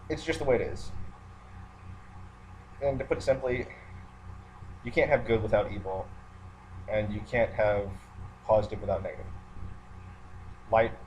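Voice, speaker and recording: A man who works in the military rants in an unscripted online video monologue, matter-of-fact and hesitating as he thinks aloud to listeners. His voice is fairly low with a darkish tone. The recording is low quality, with background noise and a roommate nearby.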